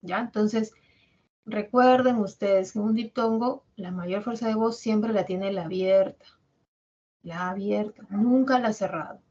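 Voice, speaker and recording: A Peruvian woman teaches a language class, drawing out each example word one syllable at a time. Her voice sits at an ordinary middle pitch. The recording sounds dull and lo-fi. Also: measured pace, darkish tone. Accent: Peruvian Spanish. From Peru. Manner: explains patiently, drawing out example words syllable by syllable. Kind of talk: classroom lecture on syllable division.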